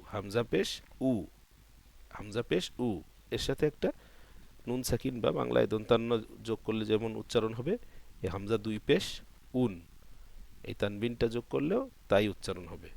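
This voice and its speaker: A man with a fairly low voice and a Bangladeshi Bengali accent teaches Quran reading. He walks through each rule step by step, repeating the letter sounds slowly so students can follow. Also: vocal fry, a little mellow. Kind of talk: patient spoken lesson.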